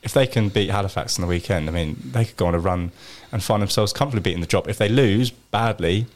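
Deep-voiced male pundit, rattles off his points quickly, animated and conversational. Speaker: sports radio pundit. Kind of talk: casual sports radio chat.

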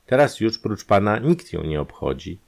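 A suave male private detective in an audio story, ingratiating and endlessly persuasive, put on by a man. He sits somewhat higher than the reader's own low register, with a lightly animated lilt as he pitches his schemes. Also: normal speed, gravelly. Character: smooth-talking male private detective, conman.

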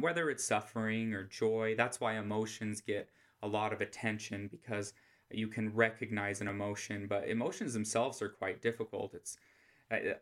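Soft, flat-voiced American man, quiet monotone. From Utah, United States. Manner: flat monotone, speaking low without inflection. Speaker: host of a scripture study podcast. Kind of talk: informal religious lesson. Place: quiet room at home.

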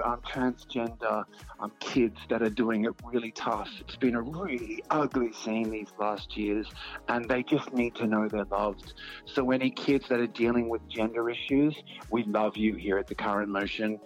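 A man with a creaky voice, speaking earnestly and affirmingly in a radio interview chat. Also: mid-range voice, steady tone, moderate pace. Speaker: radio show host, guest on air. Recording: dull lo-fi sound, music behind. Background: music.

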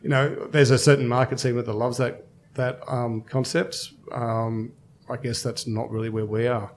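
A man's voice: mid-range voice, little pitch movement, moderate pace, a little hiss or hum. A man of fifty, a brewery co-founder, chatting casually as a guest and thinking aloud with many fillers. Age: 50s. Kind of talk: casual interview chat.

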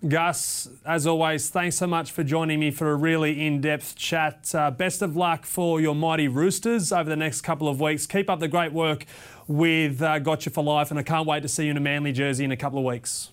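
An Australian man hosts a casual broadcast interview. His voice is smooth and resonant, sitting slightly higher than average for a man. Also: steady tone, moderate pace. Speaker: interview host.

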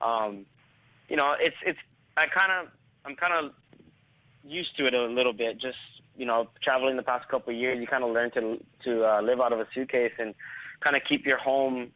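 A man's voice: mid-range voice, fairly even intonation, moderate pace, no echo. A man from Hawaii chatting casually as an interview guest, laid-back and often repeating himself. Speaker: professional surfer, interview guest. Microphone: phone call. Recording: tinny phone line.

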